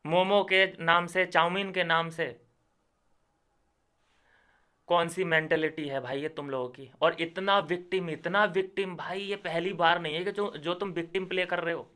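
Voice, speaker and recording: Young male YouTuber, bright crisp voice, sarcastic lecturing rant. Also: sits high, steady tone, moderate pace. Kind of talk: ranting commentary video.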